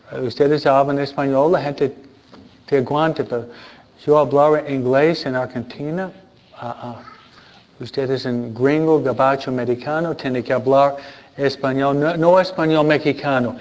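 A man who is a priest and teacher, giving an informal talk to a congregation in a halting way, restarting words and often ending points with questioning tags. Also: medium pitch, darkish tone. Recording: dull lo-fi recording.

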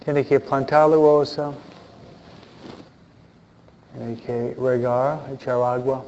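Slow-paced priest, dull muffled recording. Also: male voice, a little mellow, big-room sound, slight background noise. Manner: deliberate, with frequent pauses. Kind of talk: Gospel reading and homily. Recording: dull, muffled low-fidelity sound.

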